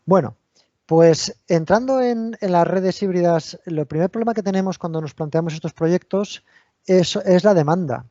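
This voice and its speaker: A man with a Spanish accent from Spain, an invited lecturer, gives an online technical talk, walking through it step by step and frequently restarting his sentences. His voice is high-pitched and dark in tone, at a moderate pace. The recording is dry, with the highs cut off.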